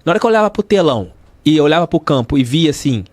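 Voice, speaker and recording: A fairly high-pitched man's voice races along with big swings in pitch and no room sound: a middle-aged Brazilian sports journalist with a Rio de Janeiro state accent. Guesting on a podcast in the studio, he relates stories casually and emphatically, often repeating phrases.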